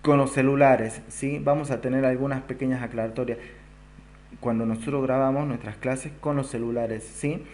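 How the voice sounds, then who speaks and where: A man teaching a recorded video lesson, explaining step by step and often checking in with a quick "¿sí?". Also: mid-range voice, fairly even intonation, darkish tone, a little hiss or hum. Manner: explanatory, keeps adding a checking "¿sí?". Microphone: close to the recording device.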